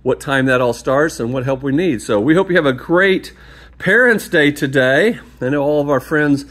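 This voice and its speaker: A man's voice: on the high side, expressive, normal speed, fairly bright tone. A man giving an enthusiastic, rambling walkthrough of a new church and school building, filming on a handheld phone as he walks the empty halls and gym. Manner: enthusiastic, rambling, often drops to a mutter. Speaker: parish staff member giving a building tour. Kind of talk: casual walkthrough narration. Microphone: handheld phone camera, speaker off screen.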